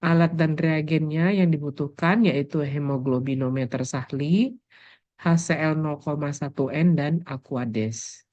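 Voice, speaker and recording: Hoarse woman lecturer, sore throat. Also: low voice, a little slow, warm tone, dry recording. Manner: explanatory, filler-heavy. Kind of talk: lab course briefing. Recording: dull, dry, muffled lecture audio.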